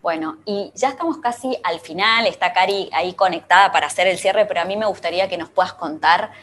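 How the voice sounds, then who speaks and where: A woman's voice: on the low side, brisk, a bit bright, a little hiss or hum. A woman hosting an interview, reading out viewer questions and giving brief affirmations. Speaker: host.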